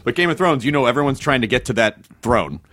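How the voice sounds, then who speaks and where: A man hosting a casual podcast interview, joking and riffing with quick asides. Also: mid-range voice, animated, fairly bright tone. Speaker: podcast host.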